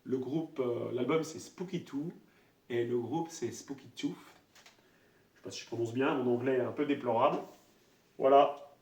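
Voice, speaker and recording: A man casually presenting his vinyl records one by one, talking in a relaxed, halting way with many fillers. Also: medium pitch. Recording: roomy echo, voice a bit far from the mic.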